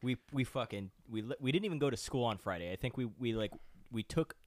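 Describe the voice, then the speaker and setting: A man co-hosting a podcast who tells stories animatedly and swears often, acting out the other characters' lines loudly. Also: mid-range voice, fast talker, no echo. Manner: animated, profane storyteller who acts out other people's lines with loud outbursts. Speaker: podcast co-host. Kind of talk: casual chat, swapping road-trip stories.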